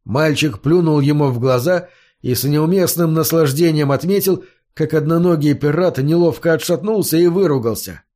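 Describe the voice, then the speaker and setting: A man narrating a story aloud in a measured way, lightly voicing the characters' lines. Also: on the high side, a little mellow. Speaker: audiobook narrator. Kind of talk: scripted narration.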